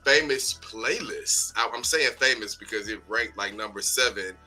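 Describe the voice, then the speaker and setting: Male host, bright forceful tone, casual and upbeat, light music bed behind. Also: on the low side, normal speed. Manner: upbeat, calls listeners baby and y'all. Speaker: morning show host. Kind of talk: casual morning show hosting.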